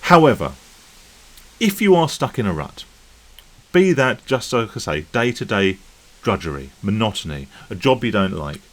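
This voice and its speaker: Speaking at normal speed, this man sounds very animated, with a lowish pitch and a fairly bright tone. He's a YouTube vlogger casually rambling to camera about his gambling recovery, checking in with viewers through "right?" and "okay?".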